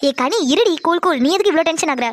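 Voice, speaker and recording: A woman's voice: extremely high pitch, lively intonation, fast, no room sound. A woman voicing a teasing, laid-back young college girl in a cartoon drama, ribbing her best friend. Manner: teasing, easygoing.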